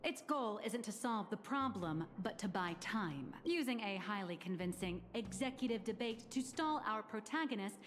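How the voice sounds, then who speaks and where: A woman's voice: medium pitch, lively intonation, normal speed, few pauses, soft background music, lightly acted. An actress playing a shrewd, confident businesswoman in a game, calculating and dry.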